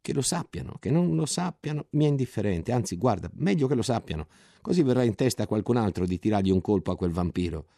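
A man voicing a scornful, furious army lieutenant who shouts insults at a soldier. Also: lowish voice, animated, fast talker, creaky, dry recording, studio quality, voice pushed up.

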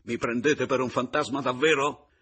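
A man voicing a fierce man returned from the dead, shouting his lines in an audiobook reading. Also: mid-range voice, steady tone, moderate pace, husky, voice pushed up. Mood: ferocious.

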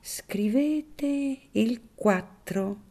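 A woman reading aloud voices a crafty, scheming male priest, drawing out her words slowly. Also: a little high, mellow, voice pushed up, full character voice. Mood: sly.

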